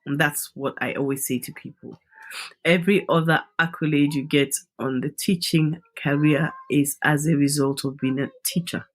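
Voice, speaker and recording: A woman's voice: deep voice, fairly even intonation, normal speed. Middle-aged Nigerian woman, Nigerian accent, emphatic interview guest. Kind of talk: podcast interview.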